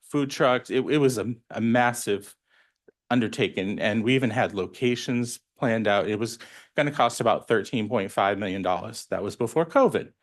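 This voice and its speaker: Man, school nutrition director, lowish voice, plain and explanatory, answers a board's questions, lots of ums. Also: normal speed. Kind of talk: explaining at a public board meeting.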